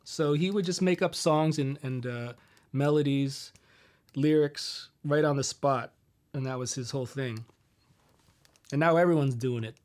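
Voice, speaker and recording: A middle-aged man hosts a casual live guitar Q&A stream from his home studio, answering viewer questions in a relaxed, rambling way with fillers and detours. His voice is medium-pitched and his pace measured.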